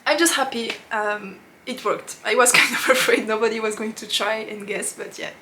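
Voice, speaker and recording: A woman with a French accent, a knitting podcast host chatting casually, laughing often and pausing with fillers as she searches for English words. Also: on the high side, fairly even intonation, very noisy. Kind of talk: casual chat to camera.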